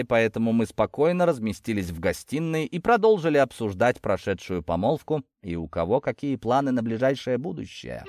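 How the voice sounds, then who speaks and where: Expressive male audiobook narrator. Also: fairly low pitch, no echo, studio quality. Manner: expressive storytelling. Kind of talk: scripted narration.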